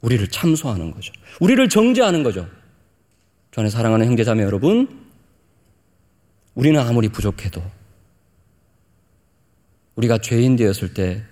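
A middle-aged man preaching a sermon as pastor, with emphatic high-pitched peaks. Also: darkish tone, in a large hall.

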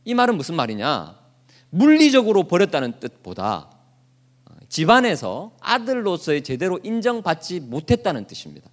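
During his sermon, a pastor with a high voice and wildly swooping pitch talks at normal speed. He puts questions to the congregation, guides group readings aloud, and performs the lines he quotes.

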